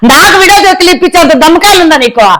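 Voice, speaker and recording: A woman playing a loud, quarrelsome wife in a comedy skit, speaking in a rapid scolding tirade. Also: very high voice, expressive, a loud crowd.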